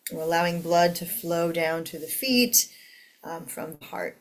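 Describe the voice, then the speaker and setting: A woman with a fairly low voice leads a guided meditation as the teacher. She speaks very slowly and gently, giving soothing instructions to a seated group. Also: low-quality recording.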